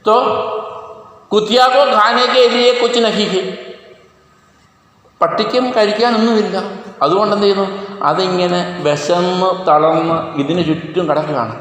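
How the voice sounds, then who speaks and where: A man teaches a class, asking students question after question and slowing down to recite lines of verse. His voice sits a little high. It rings with strong echo and a long hall reverb. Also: steady tone, a bit bright. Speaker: Hindi teacher. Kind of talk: classroom lesson explaining a poem. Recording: echoey room with long reverb.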